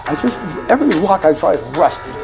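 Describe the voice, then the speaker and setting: An amateur filmmaker tells his own case in a rambling, impassioned way, stammering and repeating words with agitated insistence. His voice is high, creaky, and sing-song, and he talks quickly over background music.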